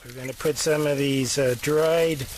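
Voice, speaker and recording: An older man giving a casual do-it-yourself demonstration inside a small greenhouse, talking in an unhurried, folksy way full of fillers. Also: mid-range voice, steady tone. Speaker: homesteader showing his build. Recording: noisy camera audio.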